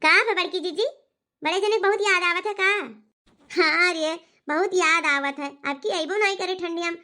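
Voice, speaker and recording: A woman's voice: normal speed, sharp tone. A woman with an Awadhi accent voicing chattering, comic village cartoon characters in rustic dialect. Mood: chatty. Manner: squeaky, bantering, rustic dialect. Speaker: cartoon voice artist.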